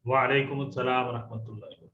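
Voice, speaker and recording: Teacher on a choppy call line. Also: male voice, mid-range voice, level tone, moderate pace. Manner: calls on students and gives brief prompts. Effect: breaking, choppy online call connection. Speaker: religious teacher leading an online class. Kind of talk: leading an online lesson. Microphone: online video call. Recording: tinny online call line with faint noise.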